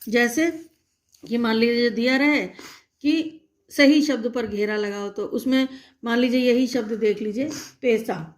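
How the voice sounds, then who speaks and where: In a recorded lesson for young children, a woman teacher speaks slowly and patiently, spelling out letters and checking in often. Her voice sits on the high side.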